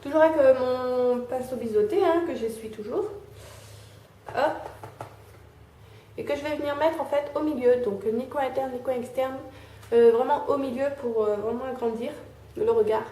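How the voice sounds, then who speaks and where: Young woman vlogger, chatty and mellow, echoey home room, walks through a makeup tutorial. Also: sits high, moderate pace. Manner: chatty, fills with "euh" and "hein", talks while applying makeup. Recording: echoey room, faint background noise.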